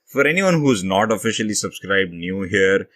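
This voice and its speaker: A man co-hosting a motor racing fan podcast in casual, excitable chat, slipping into mocking impressions. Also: low voice, moderate pace. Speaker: podcast co-host.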